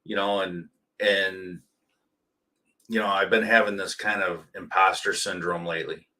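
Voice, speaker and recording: A man co-hosts a live podcast in an upbeat, joking way. His voice sits low but has a bright, forceful edge as he greets listeners one after another. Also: level tone, measured pace. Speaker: podcast co-host.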